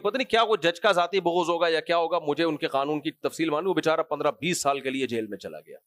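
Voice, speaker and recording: A man who is a mufti giving Quran commentary, speaking in an animated, conversational sermon style with sarcastic asides. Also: sits high, dry recording.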